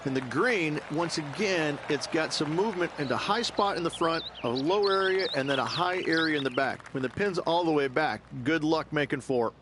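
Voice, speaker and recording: Golf commentator guy doing course analysis, voice a bit high, faint noise in the back. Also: moderate pace, hardly any pauses.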